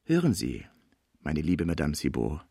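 Dignified doctor, measured and formal, read by a man, low voice, dry. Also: wildly swooping pitch, creaky, mellow, husky, no echo, exaggerated voice. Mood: guarded. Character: cautious, dignified male doctor. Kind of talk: audiobook character voice.

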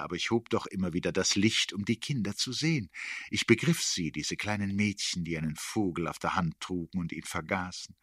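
Man, literary audiobook narrator, very low husky voice, sharp edge, measured and expressive, dry close mic. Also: no room sound. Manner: measured, expressive, hushed in tense moments.

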